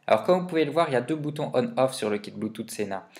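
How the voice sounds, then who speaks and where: In a casual vlog, a man reviews motorbike and quad gear, explaining it informally and with lots of slang. His mid-range voice is expressive and darkish in tone, and he talks quickly.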